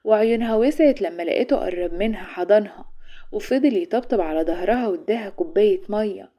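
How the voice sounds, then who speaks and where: A woman storyteller with an Egyptian accent, reading a scripted romance at a rapid clip. Her voice is dark and mellow, level in pitch, steady and brisk throughout. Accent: Egyptian Arabic.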